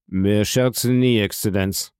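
A man voicing a cool, indifferent bandit jailer in an audiobook, calm and mockingly polite. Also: fairly low pitch, a little slow, clean tone, no echo, clean studio sound, close to an everyday voice. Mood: deadpan. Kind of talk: audiobook character voice.

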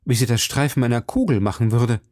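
A man's voice: mid-range voice, quick pace, darkish tone, dry recording, clean studio sound, lightly acted. A man reading aloud and voicing an eager, hot-headed young nobleman in a fervent manner. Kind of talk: audiobook reading.

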